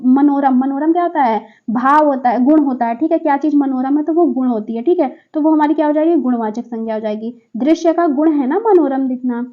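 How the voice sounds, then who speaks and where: A woman's voice: sits high, highs cut off. A woman teacher explaining exam answers step by step, often checking in with the listener as she goes. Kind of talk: exam paper walkthrough.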